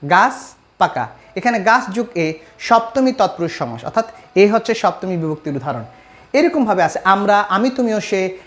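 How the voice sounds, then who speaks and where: A man from Bangladesh giving an exam-prep grammar lesson as a tutor, explaining with examples and often pausing to hesitate. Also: high-pitched.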